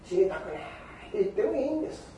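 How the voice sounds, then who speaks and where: An older man with a giving a Buddhist sermon in an animated storytelling manner, acting out quoted exchanges. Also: high-pitched, rapid-fire, slight background noise. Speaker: Buddhist preacher. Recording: echoey hall from far off.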